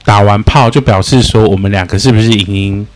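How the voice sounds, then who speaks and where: Young man, podcast guest; quick, animated storyteller. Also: fairly low pitch. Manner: animated storytelling, laughs often. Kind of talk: casual chat.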